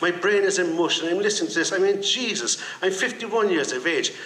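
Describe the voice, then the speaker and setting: A man's voice: high-pitched, expressive, fairly quick, a bit bright. A man reading his own short story aloud at a live event, in a wry, conversational, ranting voice. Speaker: author reading. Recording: echoey room, faint ambience.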